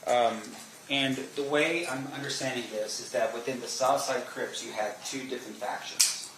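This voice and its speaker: A man doing a courtroom cross examination as an attorney, asking probing, leading questions with halting pauses. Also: mid-range voice, steady tone. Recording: roomy echo, faint background noise.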